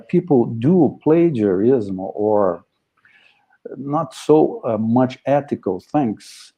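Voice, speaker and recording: A man chairing an academic event, speaking formal, hesitant non-native English in a polite, deliberate manner. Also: mid-range voice, husky, dull audio. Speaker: session chair introducing speakers.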